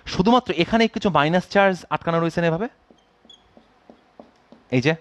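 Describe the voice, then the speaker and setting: A man's voice: a little high, moderate pace, lo-fi sound. A man giving a physics class, checking in with students and dropping English phrases into his explanations. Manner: asks students constant check-in questions; drawing and counting aloud at a board. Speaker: physics teacher. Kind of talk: classroom lecture.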